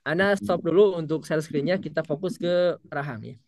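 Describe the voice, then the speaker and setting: High-voiced recitation teacher. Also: male voice, vocal fry, darkish tone, no echo. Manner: drawn-out demonstration of syllables, patient drilling. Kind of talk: online tajwid lesson.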